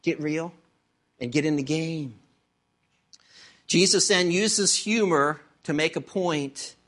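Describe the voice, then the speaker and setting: A man's voice: fairly high pitch, takes it slowly. A middle-aged man preaching a sermon as pastor, telling stories with humor and acting out voices. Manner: animated storytelling with acted-out voices and humor.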